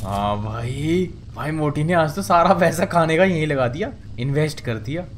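A man's voice: fairly high pitch, expressive, normal speed, a little hiss or hum. A young man giving casual gameplay commentary, joking and chattering to himself and the game as he plays. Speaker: gaming channel host.

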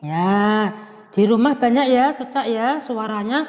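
A man's voice: very high-pitched, measured pace. A man teaching a children's language lesson, coaxing and sing-song, asking questions and answering them himself. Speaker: elementary school teacher. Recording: echoey, dull lo-fi recording.

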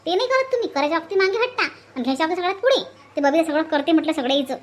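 A woman voicing a blunt married village sister in a cartoon, speaking with a Varhadi Marathi accent in a high, scolding manner. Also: animated, racing. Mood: indignant. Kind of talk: cartoon voice acting.

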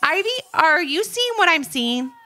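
A curious, adventurous young boy who calls out eagerly in a raised, bright voice, as a woman storyteller puts him on. His voice carries a little gravelly fry. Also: high-pitched, huge pitch swings, normal speed, voice pushed up, exaggerated voice.

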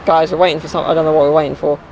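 A man's voice: on the high side, flat delivery, racing, darkish tone, slight background noise. A young man chatting offhand to his camera while sitting in a car at night, rambling and joking. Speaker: vlogger. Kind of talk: casual vlog chat. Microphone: handheld action camera at chest level.

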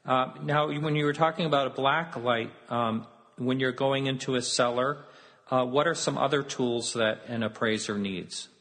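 A man's voice: mid-range voice, moderate pace, fairly bright tone. Male interview host, curious, asks follow-ups, long reverb tail around the voice. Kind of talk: interview questions. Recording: long reverb in a roomy space.

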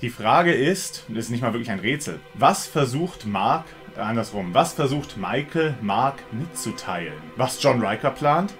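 A man's voice: medium pitch, expressive, normal speed, hardly any pauses, fairly bright tone, soft background music. A man reading an interactive mystery story aloud, breaking off for joking, wry remarks. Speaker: story reader and commentator.

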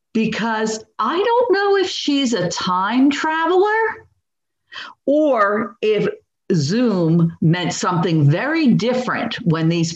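A woman hosting an online award ceremony and introducing awardees, chatty, with playful asides. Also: fairly low pitch. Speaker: awards presenter. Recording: dull roomy video-call audio with faint noise.

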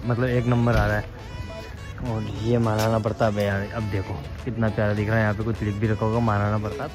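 Excitable young man vlogging from a motorbike. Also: medium pitch. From India. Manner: excitable, repeats "full power" and "yaar". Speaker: motovlogger. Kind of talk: casual vlog narration. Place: outdoors at night, on a motorbike and walking a lit hilltop park. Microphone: clip-on mic under helmet.

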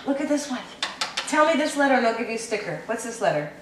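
A woman's voice: on the high side, sing-song, fast talker. A mother coaxing her toddler in a sing-song, encouraging way, recorded at home on a camcorder's built-in microphone. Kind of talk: home video, coaxing a toddler through letters. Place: indoors at home. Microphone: built-in camera microphone. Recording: echoey room with faint hiss.

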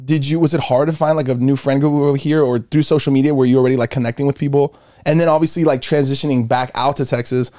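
A man's voice: medium pitch, fairly even intonation, fast, dark tone, dry recording. A man co-hosting a podcast in a studio, joking around and reacting playfully. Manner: playful, laughs often, jokey reactions. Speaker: podcast co-host. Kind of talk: casual podcast chat. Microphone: studio mic on boom arm, headphones.

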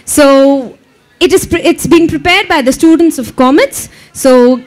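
A woman's voice: high voice, normal speed. A woman hosting a live cultural show, bantering and teasing the audience. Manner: lively, teasing crowd banter. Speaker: event emcee. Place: event venue with live audience.

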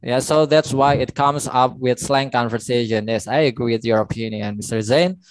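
A man running a live online English class, talking in a loose, chatty way full of fillers and worked examples. His voice sits at an ordinary middle pitch. The sound is dry and close, with no room around it. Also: moderate pace, no echo. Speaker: English teacher.

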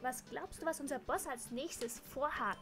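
A whiny, fed-up male henchman, read out by a woman, sulky and quiet. The voice is high, with faint music behind it. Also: moderate pace. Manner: complaining, sulky. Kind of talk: reading game dialogue aloud.

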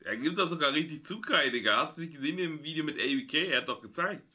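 A man hosting a casual chat, interjecting loudly in slang. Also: a little high, animated, fast talker, a little hiss or hum. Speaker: host.

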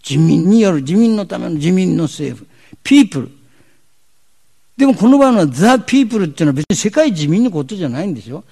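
A man's voice: high voice, very animated, fast talker, vocal fry, mellow, slightly rough. A man hosting a televised discussion seminar, lecturing in an emphatic, sardonic style full of rhetorical questions. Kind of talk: televised commentary monologue.

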